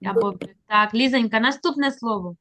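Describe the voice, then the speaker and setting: Fairly high-voiced woman teacher coaxing a small pupil over a video call, slow and kind. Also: a bit bright. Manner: patient, encouraging, slow coaxing prompts. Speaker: literacy teacher. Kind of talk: online reading lesson with a child.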